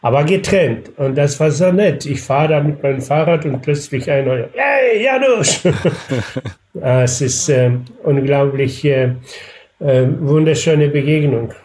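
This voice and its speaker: Slow, hesitant man calling in. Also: medium pitch, steady tone, mellow. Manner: hesitant, with many fillers and self-corrections. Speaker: regular on the podcast, phoned-in guest. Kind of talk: casual chat over a call.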